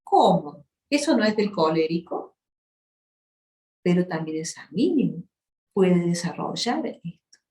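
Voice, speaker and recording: A woman's voice: on the low side, sing-song, takes it slowly, long pauses, warm tone. Impassioned woman preaching in an echoey hall. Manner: impassioned and tender, with dramatic shifts in volume. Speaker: guest speaker at a women's church meeting. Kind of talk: sermon.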